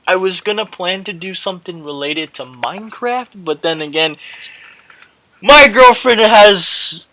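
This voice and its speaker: A young gaming channel host delivers a rambling, casual outro, hesitating, repeating, and trailing off. His high-pitched voice sounds pushed and bright, unhurried, in a rough recording with no room sound.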